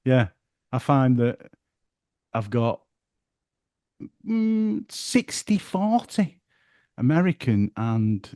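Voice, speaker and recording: A man hosting a podcast and chatting in a relaxed way with his guest. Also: medium pitch, very slow, long pauses, dry recording, clean studio sound. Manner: relaxed, chatty, uses northern dialect words. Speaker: podcast host. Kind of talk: casual interview chat.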